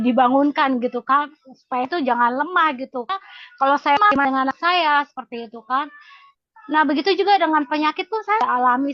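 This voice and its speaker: A middle-aged woman giving an earnest, emotional testimony on a video call, halting with many fillers. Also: high voice, no room sound. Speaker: congregation member sharing testimony. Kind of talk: casual spoken testimony. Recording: dull lo-fi video call audio.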